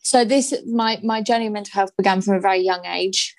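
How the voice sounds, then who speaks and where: A woman in her twenties telling her own story as a podcast guest, slow and hesitant with many ums. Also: medium pitch, fairly even intonation, no room sound. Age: 20s. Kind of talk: candid personal story in a podcast interview.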